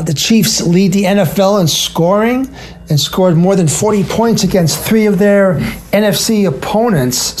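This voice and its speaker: High-pitched American sports radio host, male. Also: darkish tone. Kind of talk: sports talk monologue.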